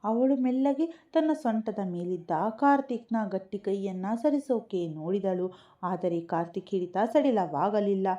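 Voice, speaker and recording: A woman reads a romantic audio story aloud in a calm, steady storyteller's manner. Her voice is mellow and warm rather than bright. The recording sounds dull and lo-fi. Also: medium pitch, normal speed. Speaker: story narrator. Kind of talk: scripted audio story narration.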